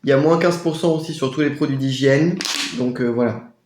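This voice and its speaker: A man chatting casually through a product haul review, hesitating often and sounding out foreign labels slowly. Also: medium pitch, background noise. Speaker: vlogger reviewing a shopping haul. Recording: echoey room.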